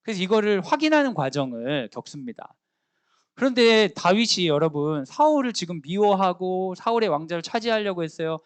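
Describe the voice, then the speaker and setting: A man's voice: high voice, moderate pace, clean tone, no room sound. A man, a school chaplain, preaching a sermon in a storytelling way and asking the listeners questions. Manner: lively storytelling, acting out the characters' lines; asks the listeners questions directly.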